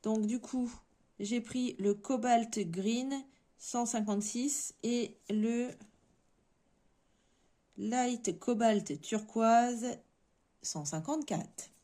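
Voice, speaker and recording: A woman's voice: a little high, drawn-out words, long pauses, dark tone. A woman with a French accent hosting a casual coloring-along, chatting and thinking aloud as she works. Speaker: coloring channel host.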